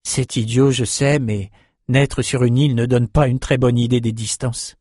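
A man's voice: mid-range voice, steady tone, moderate pace, a little mellow, dry recording, studio quality, close to an everyday voice. A man reading the part of a young male islander who tells, half mocking himself, how he was lost at sea. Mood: earnest. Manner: earnest, self-mocking storytelling. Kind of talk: audiobook character reading.

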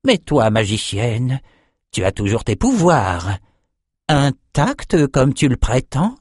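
A man's voice: mid-range voice, very animated, slow, darkish tone, slightly rough, no room sound, studio quality, pitched above the performer's own voice, full character voice. A man reading an audiobook, voicing a proud, centuries-old male sorcerer who shapes creatures. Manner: proud, eager, self-satisfied.

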